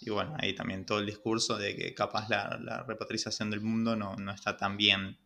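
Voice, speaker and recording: Brief: hesitant Rioplatense male co-host, low gravelly voice with a bright edge. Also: level tone, a little fast. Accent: Rioplatense Spanish. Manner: hesitant, repeats words, restarts. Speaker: podcast co-host. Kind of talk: casual chat recapping a TV series.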